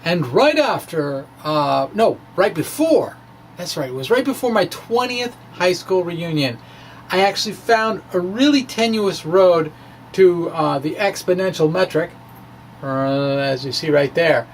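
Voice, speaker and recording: A middle-aged physics blogger delivers an informal, dramatic reading in a halting, emphatic way, drifting into trailing asides. His voice is medium-pitched and animated, with background noise and ambient sound in the recording.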